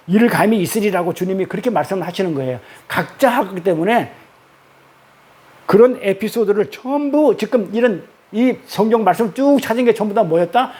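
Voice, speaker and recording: A man's voice: high-pitched, a little mellow. A man leading a Bible study lecture, pressing his listeners with constant rhetorical questions and repeating key words for emphasis. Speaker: Bible teacher.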